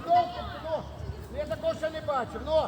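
A youth football coach shouts from the touchline, his voice pushed very high as he barks orders and scolds players. He's outdoors on a pitch, caught by a far-off camera mic, with a faint crowd in the background. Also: a little fast, background noise. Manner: barking sharp instructions and scolding players. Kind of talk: sideline shouting.

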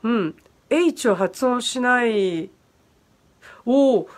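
A woman hosts a casual livestream with a fairly high, light voice. She reads viewer comments aloud and talks through each one in a friendly way. Her speech is chatty and loose, with plenty of fillers. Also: expressive, very slow. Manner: friendly and chatty, many fillers, answers questions on English pronunciation. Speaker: host of an online virtual bar stream.

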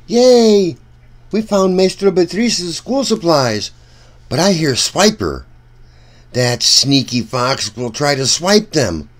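Reading a children's story aloud, a man speaks directly to his young audience with animated, deliberate expression; his pitch is a little high.

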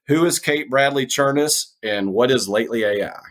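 A middle-aged man hosts a podcast in a mid-range voice. He talks his way through the guest's introduction in a loose, rambling manner, stopping and restarting his sentences often. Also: medium pitch. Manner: rambling, halting, many restarts. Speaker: podcast host. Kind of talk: casual interview intro.

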